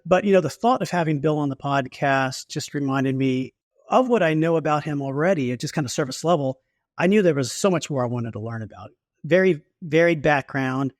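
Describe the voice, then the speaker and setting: A man's voice: fairly high pitch, fairly quick, no room sound, studio quality. A man hosting a podcast, introducing his guest and asking curious, friendly questions. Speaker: podcast host. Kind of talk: podcast interview.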